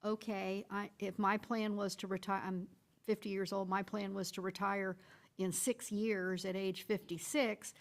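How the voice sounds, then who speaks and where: A woman speaking as a school board member in a meeting room. Her pitch sits in the middle and her delivery is deliberate. She walks through her reasoning with one hypothetical example after another and often restarts her sentences. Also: little pitch movement. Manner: explains with step-by-step hypotheticals, frequent restarts. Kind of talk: deliberating at a public board workshop.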